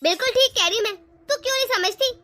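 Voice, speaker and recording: A woman voicing a strict, stubborn older mother-in-law in an animated family cartoon, nagging and scolding her family. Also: very high-pitched, quick pace, background noise.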